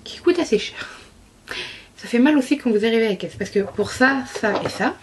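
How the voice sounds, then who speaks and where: A woman's voice: fairly high pitch, lively intonation, fairly quick, a little hiss or hum. A young woman in a casual beauty haul video, talking enthusiastically and often gushing over products. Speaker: beauty vlogger.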